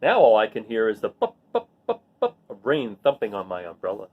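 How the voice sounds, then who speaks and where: A fairly low, slightly rough male voice comes through with phone-quality sound, moving at a brisk clip. He reads storybooks aloud to kids expressively, punching up the sound words and adding simple casual remarks for them.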